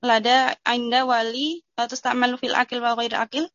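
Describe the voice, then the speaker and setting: A woman student asking her grammar teacher questions, hesitant and pausing often. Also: a little high, flat delivery, a bit bright, highs cut off. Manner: hesitant, with many fillers.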